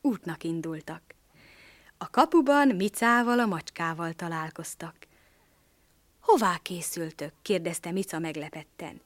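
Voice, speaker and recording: A woman's voice: lowish voice, no room sound. A woman narrating a storybook tale expressively, sometimes dropping to a whisper.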